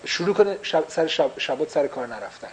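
Male teacher, slightly high voice, questions the class and drops in English phrases. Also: expressive, slight background noise, low-quality recording. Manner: explains with repeated rhetorical questions; mixes English phrases into Persian. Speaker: religious teacher.

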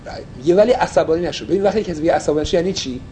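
Man teaching a relaxed Torah class. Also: on the high side, slight background noise, rough recording. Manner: mixes Persian and English, explains phrases.

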